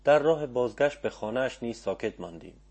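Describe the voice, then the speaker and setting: Warm and mellow with some husk to it, a man's middle-pitched voice tells an audiobook story. His delivery stays even, calm, and measured throughout.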